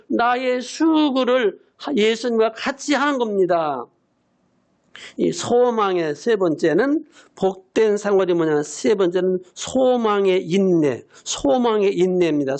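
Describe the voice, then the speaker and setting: A man in his eighties preaching a sermon as senior pastor. He repeats his key phrases for emphasis and sometimes breaks into shouts. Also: high-pitched, lively intonation, a little slow, creaky. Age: 80s.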